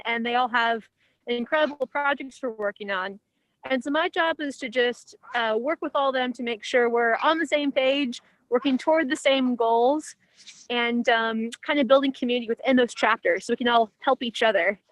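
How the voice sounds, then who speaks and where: A woman's voice: high voice, normal speed, fairly bright tone, dry recording, rough recording. Woman coordinator explaining her work. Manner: friendly, informative. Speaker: nonprofit coordinator. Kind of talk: casual explanation.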